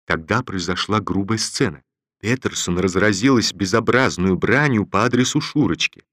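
A man narrating a classic novel in a steady, measured storytelling manner. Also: lowish voice, dry recording, studio quality. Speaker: audiobook reader. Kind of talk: scripted literary narration.

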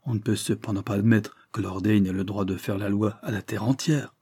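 A man voicing an indignant, demanding foreign gentleman, speaking insistently in a raised voice. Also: lowish voice, fairly even intonation, fairly quick, slightly rough, no room sound, studio quality. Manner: insistent, exclamatory.

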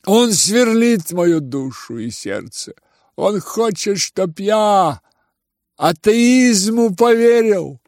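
A man reading an audiobook and voicing a proud old retired general who shouts in outrage. His delivery is slow and declaimed. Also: high-pitched, very animated, dry recording, studio quality, pitched above the performer's own voice, exaggerated voice. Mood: wounded rage.

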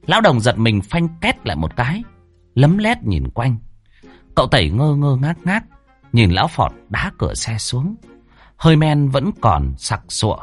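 Guy telling a funny story, voice jumps all over, kinda husky. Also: medium pitch, measured pace, soft background music. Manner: lively, expressive. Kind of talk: comic storytelling narration.

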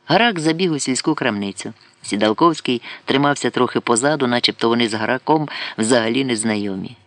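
A man narrating an audiobook with an expressive, storytelling delivery. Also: medium pitch, a little fast, no echo. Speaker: audiobook reader.

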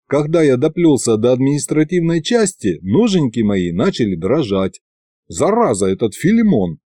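A man narrating an audiobook in first person with a wry, lively storytelling manner. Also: mid-range voice, normal speed, dry recording, clean studio sound. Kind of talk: scripted narration.

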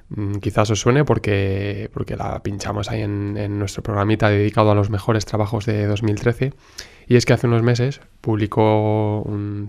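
A man from La Mancha hosting a radio music show, presenting songs in a relaxed, chatty way with small jokes. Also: fairly low pitch, creaky. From La Mancha, Spain. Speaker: radio host.

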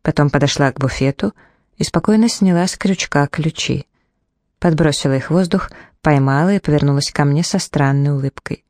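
A woman reading a first-person novel aloud as an audiobook narrator, in measured, even storytelling. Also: sits low, no echo, studio quality.

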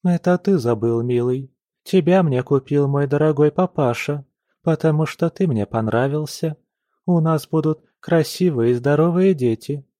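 A man reading an audiobook, voicing a cold, domineering young noblewoman who speaks quietly and with menace. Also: fairly high pitch, moderate pace, no room sound, clean studio sound, pitched above the performer's own voice, natural voice. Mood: icy, menacing. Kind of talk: audiobook character voice.

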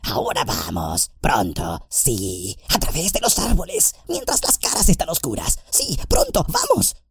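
A wretched hissing creature for an audiobook: gravelly, slow, swooping pitch. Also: male voice, wildly swooping pitch, no room sound, clean studio sound, heavily acted. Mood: fawning. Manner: muttering to himself, wild swoops of pitch. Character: wretched old male creature, hissing, fawning, vicious. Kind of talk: audiobook character voice.

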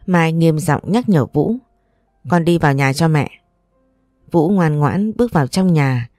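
A woman reading an audio story aloud, narrating and voicing every character in one steady voice. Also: fairly low pitch, no echo, studio quality. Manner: reads all parts in one steady voice.

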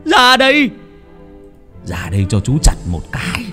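A man's voice: very high-pitched, wildly swooping pitch, pushed and bright, soft background music, pitched above the performer's own voice, heavily acted. Man voicing a cackling knife-wielding madman. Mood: manic taunt. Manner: cackling, taunting, drawn-out. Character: deranged middle-aged man hunting a boy with a knife.

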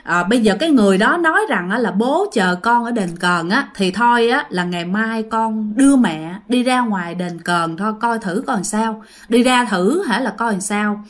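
A young woman with a fairly high voice tells a ghost story at normal speed, keeping it casual and chatty. She often speaks directly to her listeners.

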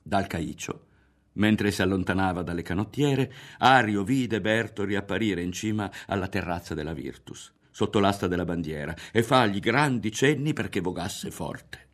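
Deep-voiced man narrating a novel. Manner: measured, expressive, dropping to hushed tones. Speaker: audiobook reader. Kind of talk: literary audiobook narration. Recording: faint music underneath.

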